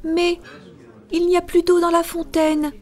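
A woman's voice: very high-pitched, completely flat delivery, measured pace, a little mellow, soft background music. A timid little servant girl. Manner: small, timid voice. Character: timid eight-year-old servant girl. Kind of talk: audiobook drama acting.

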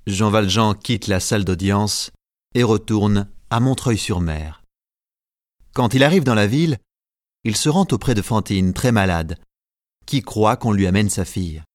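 A man narrating a story as an audiobook, in a measured, clear storytelling delivery. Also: on the low side, no echo, clean studio sound.

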